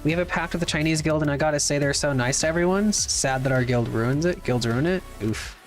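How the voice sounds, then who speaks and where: A man's voice: a little high, quick pace, faint music behind. A man streaming a game live, chatting casually and answering his chat in a laid-back way. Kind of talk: casual livestream chat while playing.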